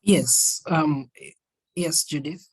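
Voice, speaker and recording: A man's voice: fairly high pitch, extremely slow, husky, rough recording. A man moderating an online panel discussion, hesitant and full of fillers as he introduces speakers.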